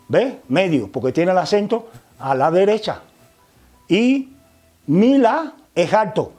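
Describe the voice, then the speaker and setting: A man's voice: sits high, a little mellow. A man teaches religious vocabulary as a lecture, often adding tag questions and repeating words while searching for the next. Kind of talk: explanatory lecture.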